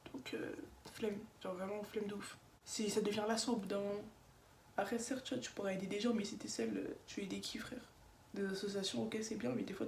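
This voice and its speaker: A young woman with a slight lisp and slushy s sounds, chatting casually and slangily as she gives opinions in a makeup vlog. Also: mid-range voice. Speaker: beauty vlogger. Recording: echoey room with faint background noise.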